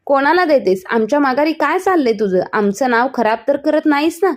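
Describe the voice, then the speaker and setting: A woman's voice: high-pitched, lively intonation, a little fast. A woman voicing an angry, suspicious grown son who scolds his mother in a spoken family story. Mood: scolding.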